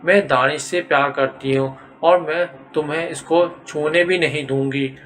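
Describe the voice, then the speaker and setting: A man's voice: a little high, fairly even intonation, fairly bright tone, close to an everyday voice. A man voicing a frightened but defiant young woman who answers angrily through tears. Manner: tearful, angry defiance.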